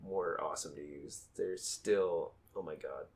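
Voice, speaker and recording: A man's voice: deep voice, fairly even intonation, unhurried, over a noisy crowd. A man in his thirties with a Boston accent, co-hosting a casual gaming podcast with a joking, rambling manner. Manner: joking, rambling, self-deprecating. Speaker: podcast co-host. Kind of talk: casual chat.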